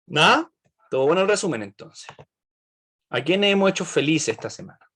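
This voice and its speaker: A man's voice: fairly high pitch, sing-song, moderate pace, a bit bright, breathy edge. A man leading an online Bible study, asking the group questions and checking in with "right?".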